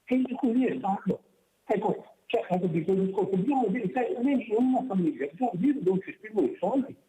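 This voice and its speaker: Male caller on speakerphone: dull, muffled phone line, very dark voice, rambling and indignant. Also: sits high, lively intonation, a little fast, echoey room. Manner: rambling, repeats himself, indignant. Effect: caller on speakerphone over a phone line. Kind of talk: call-in radio chat.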